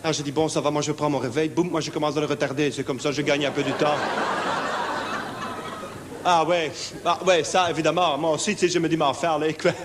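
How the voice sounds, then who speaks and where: A man's voice: on the high side, fairly even intonation, a little fast, in a large hall, noisy background, lightly acted. A man playing a jittery insomniac with a Belgian accent. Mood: rambling. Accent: Belgian French. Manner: fidgety, rambling, full of verbal tics. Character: nervous naive lonely insomniac man. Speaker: stage comedian. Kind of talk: one-man stage show. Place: theatre stage with live audience.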